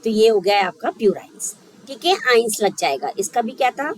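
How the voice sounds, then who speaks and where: A woman's voice: fairly high pitch, very animated, normal speed, poor audio. A woman teaching a biology lesson for exam preparation, thinking aloud and checking in often with her students. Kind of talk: exam-prep lecture.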